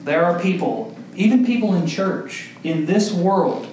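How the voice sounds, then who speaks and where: A man's voice: high-pitched, sing-song, measured pace, darkish tone, slight background noise. A young man preaching a sermon, speaking directly to his congregation and building in intensity. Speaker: pastor. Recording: echoey hall, mic far off.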